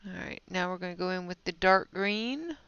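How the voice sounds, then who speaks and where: A livestream art host chats with viewers during a casual live coloring tutorial, explaining each step while sounding stuffy and sniffly from a sinus infection. Her voice is lowish, expressive and fairly bright, clear and resonant at normal speed. The lo-fi recording is dull and dry, with no echo.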